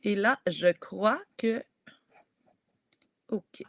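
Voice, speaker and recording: A Québécoise woman on a video call, walking children through a poem step by step. Her voice sits at a middle pitch, and the sound is dry and close, with no room around it. She sounds lively and encouraging as she speaks straight to the kids. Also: very slow, no echo. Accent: Québécois French. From Quebec. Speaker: children's author leading a workshop. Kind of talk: teaching schoolchildren over a video call.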